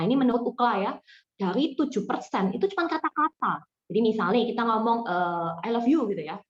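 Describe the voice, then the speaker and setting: A woman leading an online sales training and talking warmly to her trainees, dropping in English words. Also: on the high side. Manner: lively, addresses listeners warmly as friends, mixes in English words. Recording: dull lo-fi call audio.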